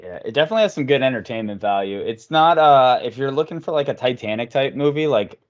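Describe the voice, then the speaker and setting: A man's voice: mid-range voice, quick pace, lo-fi sound. A man co-hosting a movie podcast, talking loosely and laughing, with frequent swearing. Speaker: podcast co-host. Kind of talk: casual movie chat.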